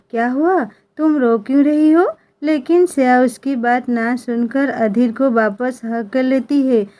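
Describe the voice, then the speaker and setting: Romance storybook narrator: woman, mellow tone, unhurried, even delivery. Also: on the high side. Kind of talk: scripted narration.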